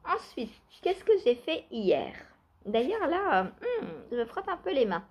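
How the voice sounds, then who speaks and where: Brief: chatty knitting vlogger, woman, slightly high voice, relaxed and giggly. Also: unhurried, dull audio. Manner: chatty, laughs often, many fillers. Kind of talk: casual knitting vlog chat. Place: outdoors or by open door, cool weather.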